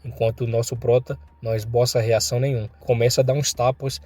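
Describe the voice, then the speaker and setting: A man's voice: medium pitch, flat delivery, fast talker, darkish tone. A man narrating a comic recap in a casual, slangy storytelling manner.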